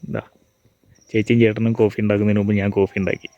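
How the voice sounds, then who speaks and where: A man's voice: fairly low pitch, little pitch movement, quick pace, warm tone, highs cut off. A man gives casual outdoor vlog commentary, mixing English words into his Malayalam as he narrates what he is doing. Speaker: travel vlogger. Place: outdoors at a hilltop viewpoint before and at dawn.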